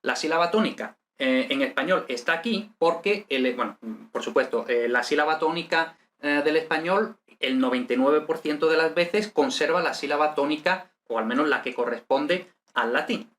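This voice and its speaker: A man's voice: on the high side, normal speed, fairly bright tone. A man teaching a lesson step by step, hesitant, with many fillers and checking questions. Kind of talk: step-by-step lecture.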